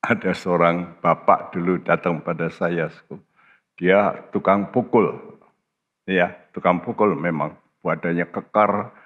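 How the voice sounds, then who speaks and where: A very low-voiced man preaching in a church, his words carrying a long hall reverb. He talks slowly and deliberately, leaning hard on key words with sudden high jumps in pitch. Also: fairly even intonation, phone-quality sound. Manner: slow and emphatic, with sudden high-pitched stresses. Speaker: pastor. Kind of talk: sermon.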